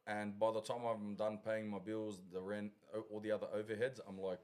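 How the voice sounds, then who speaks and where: A man hosting a casual podcast, joking around and laughing often between quick asides. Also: fairly low pitch, level tone, darkish tone. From Australia. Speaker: podcast host and shop owner.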